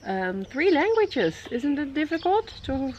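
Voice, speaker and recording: A Dutch vlogger and mother in her thirties gently interviews her daughter in Dutch-accented English for a family vlog, outdoors at a tented safari camp. She asks encouraging questions with soft fillers, her high voice swinging widely in pitch at a measured pace. Birdsong fills the background of a muffled recording with a little hiss or hum.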